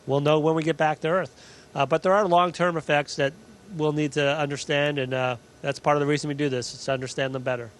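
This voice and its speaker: A man with a moderately high voice talks as an astronaut. He answers informally, thinking aloud as he explains. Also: little pitch movement, fairly quick. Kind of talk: answering questions in a live link-up.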